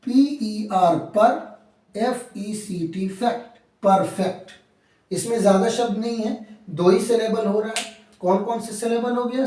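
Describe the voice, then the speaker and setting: A man's voice: high-pitched, mellow. Urdu-accented man teaching from a distance. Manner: spells words letter by letter, asks and answers his own questions. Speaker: English grammar teacher. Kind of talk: classroom lecture. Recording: echoey room, mic at a distance.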